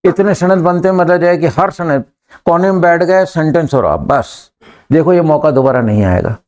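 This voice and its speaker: A man's voice: a little high, moderate pace, darkish tone. A man teaching in a classroom, drilling his students on sentences and coaxing them to answer and repeat. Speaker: English teacher.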